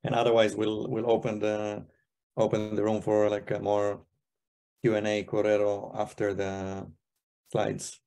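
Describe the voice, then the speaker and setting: His voice is lowish, gravelly and mellow, monotone and measured in pace. He's a man in his thirties from Israel and China, an investor appearing as a guest speaker at a webinar via a computer mic on a video call. He presents casually, thinking out loud and frequently starting over.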